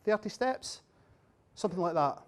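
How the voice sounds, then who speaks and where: At a dinner venue with a bar, a Scottish man gives a humorous keynote after the meal, keeping it chatty and jokey while putting questions to the crowd. He speaks high and animated at a moderate pace.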